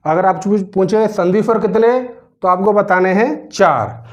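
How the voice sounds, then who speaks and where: A man's voice: sits high, measured pace. A male teacher giving a grammar lesson, asking questions and answering them himself, often checking in with his students. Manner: keeps checking in with "theek hai na". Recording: dull lo-fi recording.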